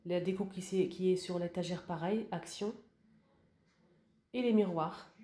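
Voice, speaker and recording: Showing her purchases during a casual home decor tour, a woman speaks in a lowish, mellow voice at a measured pace, with reverberant audio. Her voice-over is hesitant, full of fillers and restarts.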